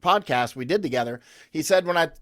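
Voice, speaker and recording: A man's voice: on the high side, animated, fairly quick, dry recording, clean studio sound. A man speaking as a podcast guest, telling rambling, anecdotal stories with restarts and confident, emphatic declarations. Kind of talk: conversational interview storytelling.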